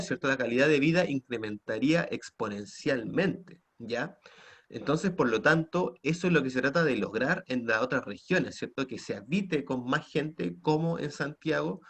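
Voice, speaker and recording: A man's voice: a little high, a bit bright, husky. Chilean man teaching an online class. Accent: Chilean Spanish. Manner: questioning, prompts students, tag questions. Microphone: computer mic on a video call.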